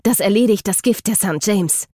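A woman voices a furious young woman who feels betrayed, shouting bitter accusations. She speaks at medium pitch and a moderate pace, pitched above her own natural voice yet still close to an everyday one. The sound is clean studio audio with no echo.

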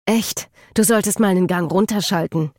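A woman's voice: medium pitch, moderate pace, a little mellow, no echo, studio quality, lightly acted. A woman voicing a sly young man who plays innocent, casual and dismissive.

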